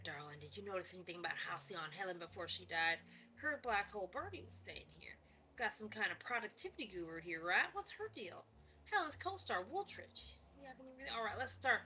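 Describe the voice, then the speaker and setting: A woman's voice: mid-range voice, animated, fairly quick, bright, forceful tone, a little hiss or hum. A woman streaming a video game, chatting playfully and swearing casually while she reads along.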